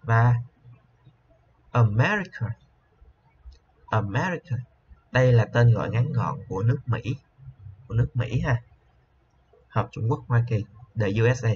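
A man explaining a beginner English lesson. He has a medium-pitched voice and a patient, repetitive way of teaching, going over each word several times. The recording is a little dull and lo-fi, with a faint hiss underneath. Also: animated. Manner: patient, repeats each word slowly, frequent "ha" tags.

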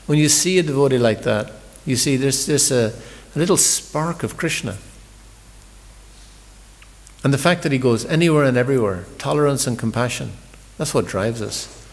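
Man preaching conversationally in a large temple hall, long reverb, mid-pitched voice, storyteller with stumbling restarts. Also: lively intonation, normal speed. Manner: warm storytelling, conversational, repeats words when he restarts. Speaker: visiting speaker giving a scripture class. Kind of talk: sermon.

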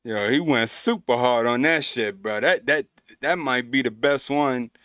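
A man's voice: mid-range voice, unhurried, a bit bright, no echo, studio quality. A man hosting a reaction video, talking in casual slang with hyped, emphatic praise and stammering restarts.

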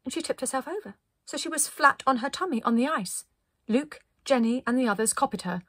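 A woman reading a children's story aloud in a gentle, playful way. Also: high voice, animated, fairly quick, dry recording, studio quality.

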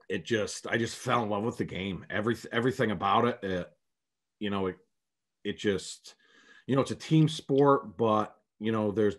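Low-voiced man telling long stories. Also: a bit bright. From upstate New York. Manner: rambling, storytelling, many restarts. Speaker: head prep basketball coach, guest. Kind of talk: casual interview answers.

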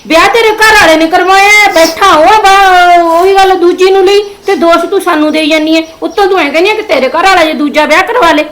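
A quarrelsome young wife, played by a woman, argues in a Punjabi accent with rapid, nagging lines. Her voice is very high and quick. The room rings with echo and a faint hiss. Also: a bit bright. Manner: argumentative, fast, nagging. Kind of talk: village family drama. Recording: echoey room, faint noise.

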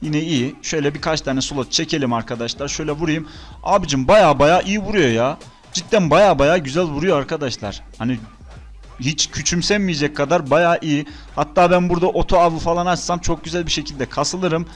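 Brief: young Turkish male gaming host, slightly high voice, casual and excitable, quick to groan or shout. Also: soft background music. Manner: excitable, swings between groans and outbursts. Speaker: gaming YouTuber. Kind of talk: casual let's-play commentary.

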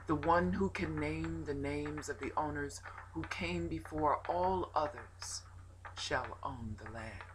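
A woman voicing a calm wise old woman who judges the people, speaking in slow, measured pronouncements. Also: sits low, noisy background. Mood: solemn. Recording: nature ambience behind voice.

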